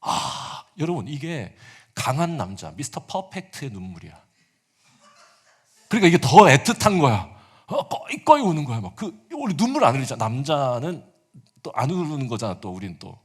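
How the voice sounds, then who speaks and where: A man's voice: mid-range voice, sing-song, moderate pace, slightly rough. A male pastor preaching a sermon, retelling a story with casual asides and acted-out quotes.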